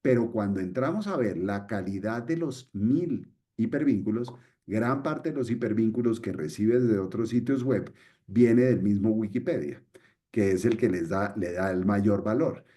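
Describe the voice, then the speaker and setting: Unhurried and low, with a dark tone, a middle-aged man leads a screen-share webinar. He explains each step in turn and keeps restating the key points.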